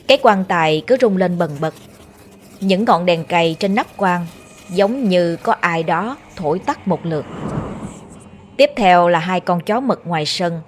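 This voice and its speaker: A woman with a Southern Vietnamese accent narrating a ghost story in a steady, measured way. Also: fairly low pitch, a little hiss or hum.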